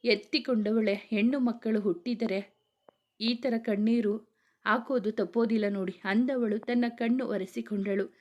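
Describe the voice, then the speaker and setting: A woman's voice: fairly high pitch, steady tone, moderate pace, darkish tone, dull audio. A woman narrating a romantic family story, reading every character's lines in her own plain voice. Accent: Kannada. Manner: reads all dialogue in her own plain voice.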